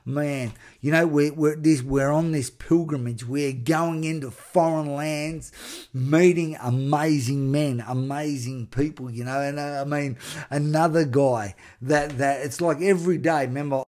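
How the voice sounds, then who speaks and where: A middle-aged man from Australia hosting a podcast, telling motivational stories in an earnest, excitable way, often restarting and repeating words. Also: fairly high pitch. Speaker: podcast host. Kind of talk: motivational storytelling monologue.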